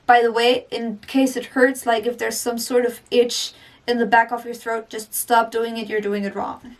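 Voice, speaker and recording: A woman's voice: fairly high pitch, flat delivery, normal speed, recorded from a distance. A woman teaching singing in an upbeat manner, explaining techniques and then demonstrating the sounds herself. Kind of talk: vocal lesson with demonstrations.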